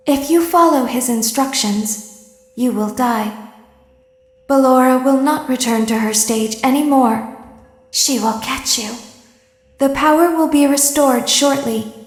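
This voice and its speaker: A woman voicing an eerie female animatronic in a horror game, speaking deliberate, ominous warnings. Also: high voice. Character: small, eerie, soft-spoken female animatronic giving warnings. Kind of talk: scripted horror game dialogue. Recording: echoey hall with long reverb. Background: faint music.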